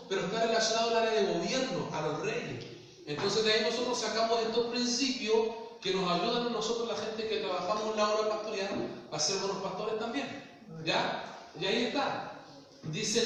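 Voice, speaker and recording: A high-voiced man preaches to his congregation and keeps asking them questions as he goes. He sounds far from the mic, and his voice rings with long reverb through a big hall. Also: fairly bright tone, slight background noise. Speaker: pastor. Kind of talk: sermon. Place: church hall.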